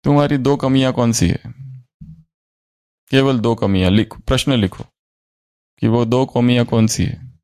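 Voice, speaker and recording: A man's voice: medium pitch, a little slow, long pauses, darkish tone, clean tone. A man leading a spiritual study class, quizzing the group with questions and repeating their answers.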